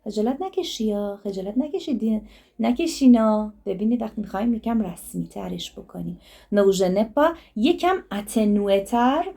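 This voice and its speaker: Persian-speaking woman French tutor with a relaxed, mellow voice, drills each phrase slowly and then explains it briskly. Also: medium pitch, vocal fry. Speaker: French teacher. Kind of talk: language lesson, mixing French and Persian.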